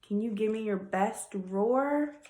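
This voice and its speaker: A woman's voice: mid-range voice, takes it slowly, dark tone. A woman teaching a children's circle-time lesson in a kindergarten teacher voice, giving simple prompts and encouragement to small children. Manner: acts out animal noises. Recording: echoey room.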